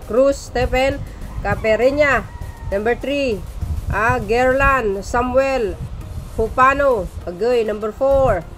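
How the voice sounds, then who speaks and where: A woman vlogging casual political commentary, chatty and teasing, reading names aloud with frequent exclamations. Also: on the high side.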